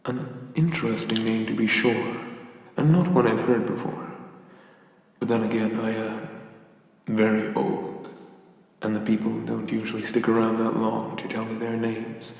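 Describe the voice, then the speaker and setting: Male actor as ancient giant god, Irish accent, ASMR role-play: low, unhurried, courtly yet menacing, drenched in hall reverb. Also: flat delivery, vocal fry. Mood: courteous, wistful. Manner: slow, measured, formal, condescendingly gentle giant. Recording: echoey hall-like reverb, somewhat distant.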